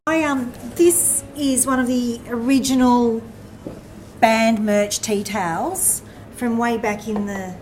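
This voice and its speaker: A woman's voice: on the high side, steady tone, slow, darkish tone, a little hiss or hum. Chatty woman in an echoey pub. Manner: chatty, rambling storyteller. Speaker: co-host. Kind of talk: live pub chat show. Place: pub venue.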